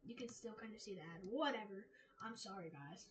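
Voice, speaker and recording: A woman with a fever and a cough, casually chatting and rambling to her viewers over a low-quality mic. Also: animated, fairly quick, a little hiss or hum. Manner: chatty, tired, talks to viewers as y'all. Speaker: reaction video host. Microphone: low-quality microphone.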